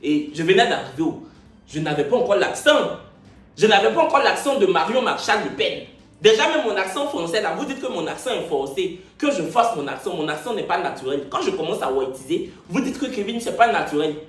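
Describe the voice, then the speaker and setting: A man's voice: high-pitched, fairly quick, reverberant. A man in his twenties with an Ivorian French accent, telling a comic story from his life on his video channel. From Ivory Coast. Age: 20s. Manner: animated, joking, repeats phrases. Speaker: YouTuber.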